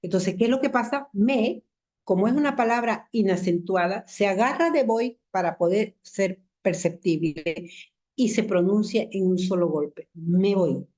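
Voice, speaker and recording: A woman teaching a university language class online through a computer mic, patient and explanatory, repeating examples slowly and asking the class rhetorical questions. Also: mid-range voice, darkish tone. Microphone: computer mic in a video call.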